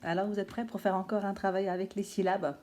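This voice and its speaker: A woman from France giving a phonics lesson to young children, speaking slowly and clearly and repeating each word. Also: mid-range voice, little pitch movement, darkish tone. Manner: slow, clear, repeats words syllable by syllable. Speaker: primary school teacher.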